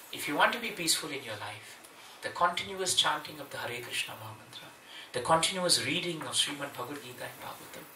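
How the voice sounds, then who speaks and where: Male speaker for a home sermon, lively storyteller, bright and animated, recorded from across an echoey room. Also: fairly high pitch. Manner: lively storyteller, acts out voices in the tale. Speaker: visiting speaker giving a scripture class. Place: devotee's home, evening class. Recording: roomy, distant mic, faint noise.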